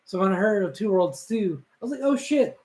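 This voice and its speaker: A man's voice: high-pitched, fast talker, a little mellow, low-quality recording. A man co-hosting a gaming podcast, talking casually in profane slang and laughing often. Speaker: podcast co-host.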